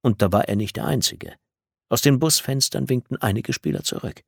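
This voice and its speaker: A man reading a children's audiobook aloud in an expressive storytelling manner, recorded close on a studio mic. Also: mid-range voice, brisk, gravelly, husky, dry recording. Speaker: audiobook narrator.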